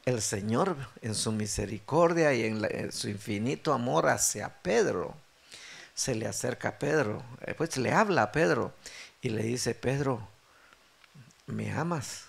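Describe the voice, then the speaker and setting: A middle-aged man preaching a sermon as pastor, acting out the dialogue with animated delivery. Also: mid-range voice, moderate pace, vocal fry, breathy edge.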